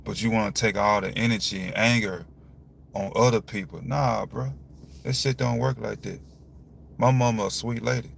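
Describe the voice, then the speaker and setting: Gravelly young man speaking frankly. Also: on the low side, normal speed, a little hiss or hum. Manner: frank and animated, repeats "you see what I'm saying". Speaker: vlogger. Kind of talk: casual talk to camera.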